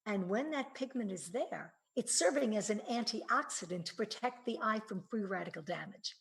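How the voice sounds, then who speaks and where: A woman's voice: medium pitch, expressive, moderate pace, vocal fry, rough recording. A woman giving a presentation on eye-health supplements, explaining earnestly with frequent fillers and restarts.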